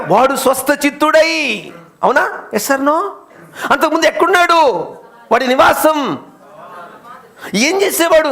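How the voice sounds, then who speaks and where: High-pitched, gravelly, animated preacher man. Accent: Telugu. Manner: swings from loud rhetorical questions to low intense asides. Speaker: pastor. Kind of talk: Telugu sermon with call-and-response questions. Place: church service.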